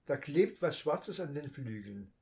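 A man's voice: fairly high pitch, big pitch swings, a little slow. A man reading a storybook and voicing a grumbling young boy who complains a lot. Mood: worried. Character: grumpy young boy, older brother.

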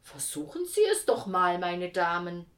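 A woman voicing a gentle encouraging gentleman. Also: on the low side, very animated, measured pace. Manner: soft, encouraging. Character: gentle older gentleman, inner heart's voice. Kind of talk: storybook reading.

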